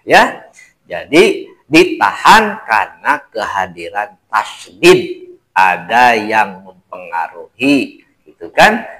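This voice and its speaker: A man's voice: medium pitch, bright, forceful tone. A man teaching Quran recitation, over-enunciating and stretching key words with emphatic repetition. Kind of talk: spoken tajwid lesson with demonstrated recitation.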